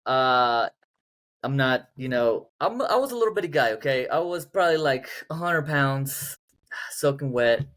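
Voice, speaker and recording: A young podcast co-host tells a story in a laid-back, slangy way on a casual show, saying "dude" a lot. His voice is medium-pitched and fairly bright, with lively intonation at a normal speed.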